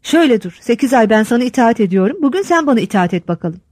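A proud, chatty village instructor bubbles over as he shows off his yard, as a woman puts him on. The voice rides high with big pitch swings and sometimes shouts. The recording is dry and close. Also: quick pace, no echo. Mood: eager. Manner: excited, shouting to his wife. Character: eager male village instructor, proud and talkative.

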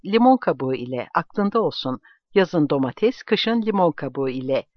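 A man voicing an older woman, a lively, exclamatory hostess in an audiobook. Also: fairly high pitch, normal speed, no room sound, highs cut off. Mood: cheerful.

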